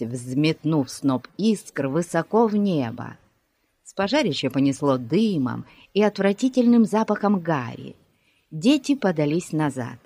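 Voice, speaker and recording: A narrator reading a children's story aloud with expressive storytelling. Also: medium pitch, no room sound. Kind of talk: audiobook narration.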